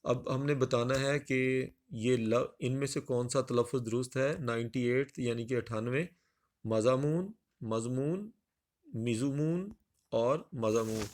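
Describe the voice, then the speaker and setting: A male Urdu teacher giving an exam revision lecture, repeating each answer option slowly and addressing his dear students. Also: mid-range voice, little pitch movement.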